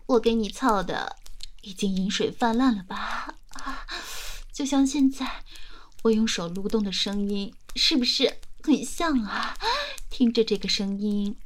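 A woman performing a teasing adult ASMR roleplay close to the mic, often dropping to a breathy whisper. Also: medium pitch. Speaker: solo audio roleplay performer.

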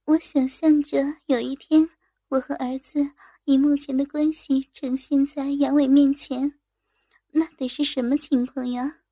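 A woman reading a first-person story aloud in a soft, intimate, unhurried manner. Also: high-pitched, little pitch movement, no room sound, clean studio sound.

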